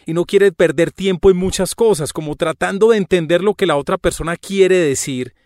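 Man with a fairly high voice. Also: no room sound, studio quality. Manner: conversational, explaining with everyday examples. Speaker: podcast host. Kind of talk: podcast monologue.

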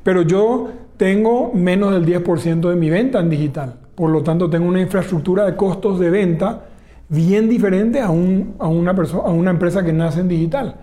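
A man's voice: high-pitched, normal speed, mellow. A man, a telecom executive in a business interview, laying out his points one by one. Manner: explains point by point, enumerating pillars.

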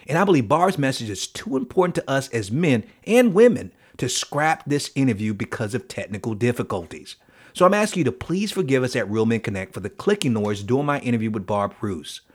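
Expressive, husky man hosting a podcast. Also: mid-range voice, a little fast. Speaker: podcast host. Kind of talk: upbeat scripted podcast hosting.

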